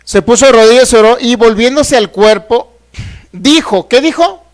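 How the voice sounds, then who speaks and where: A man's voice: extremely high pitch, moderate pace. A man, a pastor preaching a sermon who keeps asking the congregation rhetorical questions and acts out the voices he quotes. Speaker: pastor teaching a healing course.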